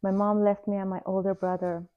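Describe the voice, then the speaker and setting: A woman in her forties from Iran, slowly and earnestly telling her life story to the camera. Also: mid-range voice, little pitch movement. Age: 40s. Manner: slow, reflective, heartfelt. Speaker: vlogger. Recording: slightly dull lo-fi sound.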